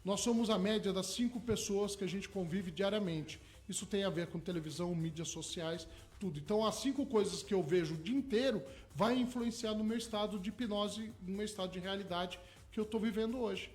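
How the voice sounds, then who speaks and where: A man's voice: sits high, brisk, a little mellow. A man, a hypnotherapist guest in a radio studio, eagerly explaining his ideas with everyday examples. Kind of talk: radio interview.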